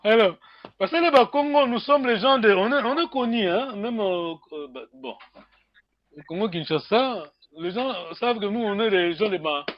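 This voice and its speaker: A man teaching a language class online, questioning his students, with slow speech and many hums. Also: high voice, animated, highs cut off, slight background noise. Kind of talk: online group lesson.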